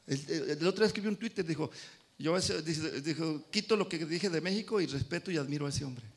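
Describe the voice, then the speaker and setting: A pastor preaching a sermon, swinging between loud and soft and calling out amen to the congregation. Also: male voice, fairly high pitch, a little fast. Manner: addresses congregation as brothers, calls amen.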